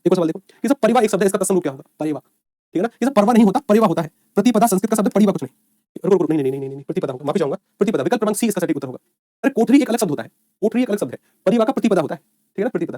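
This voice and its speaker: Fast-talking, high-voiced male teacher. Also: dark tone, no echo, studio quality. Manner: quizzing, repeats questions and answers himself; brisk, with folksy asides. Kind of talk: online exam-prep lecture.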